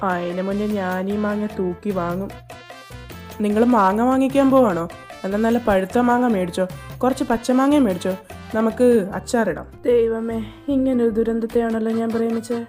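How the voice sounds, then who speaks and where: Woman, fan fiction audio drama reader, all roles, teasing banter, mellow tone, faint background music. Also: on the high side, normal speed.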